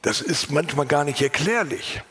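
A pastor preaching a sermon, earnest and lively, sometimes dropping to a whisper and then rising for emphasis, with a voice he himself calls unusual. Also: a little high, moderate pace, long reverb tail. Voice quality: husky. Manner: earnest, varied, drops to whispers and rises for emphasis. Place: church.

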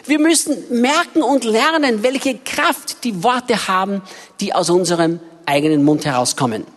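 Lively woman interpreting a sermon in a hall. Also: medium pitch, normal speed. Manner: lively, expressive, emphatic storytelling. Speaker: interpreter for a preacher. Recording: echoey hall reverb.

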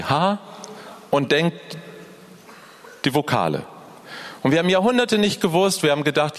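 A man's voice: medium pitch, a bit bright. An older man, a grandfather, preaching a personal, earnest sermon and speaking straight to his listeners. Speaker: pastor.

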